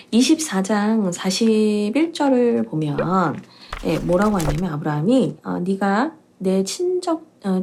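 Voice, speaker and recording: Breathy woman pastor, chatty Bible talk. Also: mid-range voice, mellow. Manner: chatty, playful, with laughs and quiz-like questions. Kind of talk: casual Bible teaching talk.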